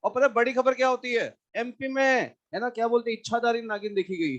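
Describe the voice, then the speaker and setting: A man's voice: extremely high pitch, a little fast, dull audio, noisy background. A man teaching math in a live class, chatting with students and then working through a problem. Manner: mixes Hindi with English math terms, asks students questions.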